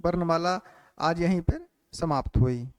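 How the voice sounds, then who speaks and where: A man teaching a grammar class who repeats phrases slowly for note-taking and keeps asking quick check questions. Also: on the high side, a little mellow, clear, resonant tone, no echo. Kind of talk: classroom lecture.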